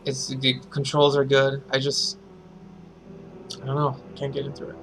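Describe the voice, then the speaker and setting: Streamer guy, bright voice, rambling let's-play talk. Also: mid-range voice, completely flat delivery, moderate pace, a little hiss or hum, poor audio. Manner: hesitant, rambling. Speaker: game streamer. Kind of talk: casual let's-play commentary.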